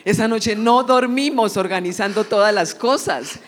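A woman giving an emotional church testimony, telling her story in an animated way and acting out the dialogue. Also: mid-range voice, moderate pace. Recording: long hall reverb.

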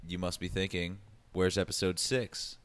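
A man's voice: deep voice, flat delivery, normal speed, fairly bright tone, a little hiss or hum. A young man co-hosting a podcast, chatting in a laid-back way. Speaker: podcast co-host. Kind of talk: casual chat.

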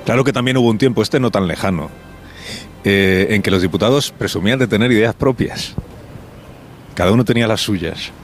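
A male radio host delivers a reflective opinion monologue in a low voice. He is ironic and often pauses with fillers and restarts. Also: faint music behind. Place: on location at a parliament building.

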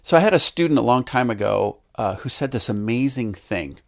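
Guy hosting a chat about story craft, measured and thoughtful, middle pitch, dry close mic. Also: animated, creaky, no echo. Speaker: host interviewing podcast makers. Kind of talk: reflective interview and narration.

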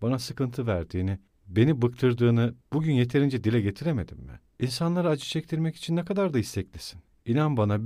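A man voicing a feverish, bitter young male student who speaks low, tight and measured, in a dry audiobook recording. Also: darkish tone, dry recording, natural voice.

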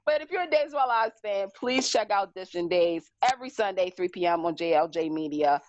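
A woman's voice: lowish voice, a little fast, dry recording. A woman co-hosts a casual chat show about daytime soaps, chatty and playful, often giggling. Her sound is dry and a little muffled. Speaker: co-host. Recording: dry, slightly dull sound.

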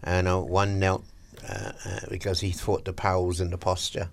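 Deep gravelly man hosting breakfast radio. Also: little pitch movement, a little fast, slight background noise. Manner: chatty, preacherly, lots of agreeing yeahs. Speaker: radio show host. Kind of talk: casual on-air chat about faith.

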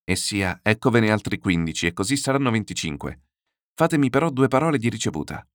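A man doing a sly fussy gentleman. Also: fairly low pitch, sing-song, a little fast, no echo, studio quality. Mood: evasive. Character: scheming, fussy male gentleman buyer, wary and sly.

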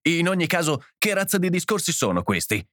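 A man's voice: mid-range voice, expressive, fairly quick, fairly bright tone, no room sound, clean studio sound, natural voice. A man voicing an angry father who speaks brusquely as he defends his family. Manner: brusque, furious.

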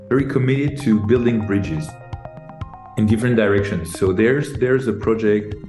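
French-accented man, mellow, roomy sound. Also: on the low side. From France. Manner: hesitant, many ums and restarts. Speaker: guest, tech executive. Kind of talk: conversational interview answers. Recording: roomy echo.

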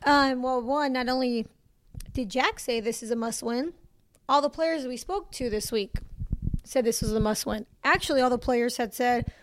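A woman's voice: fairly high pitch, normal speed. A woman co-hosting a sports podcast with the hiccups, chatty and laughing, saying y'all. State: has the hiccups. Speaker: podcast co-host, sports reporter. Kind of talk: casual sports podcast chat.

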